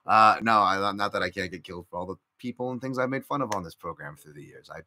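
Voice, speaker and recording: With slight background noise, a man speaks quickly in a fairly low, sharp-toned voice. As host of a casual live-stream podcast, he rambles over betting picks with many fillers and restarts, chatting with viewers and reacting to what they comment.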